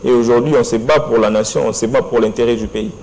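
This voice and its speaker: A man's voice: medium pitch, fairly even intonation, fast talker, a little mellow, slight background noise, poor audio. A man with a Congolese accent speaking earnestly as a guest on a studio talk show. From Democratic Republic of the Congo. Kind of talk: studio interview, French and Lingala. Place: TV studio set.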